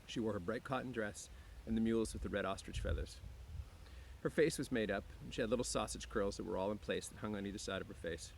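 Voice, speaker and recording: Speaking fast in a lowish voice, a man reads a book aloud and chats casually with his students outside near the woods, in the laid-back style of an easygoing teacher. He keeps clearing his throat. The recording is rough, though the outdoor background noise comes through clearly.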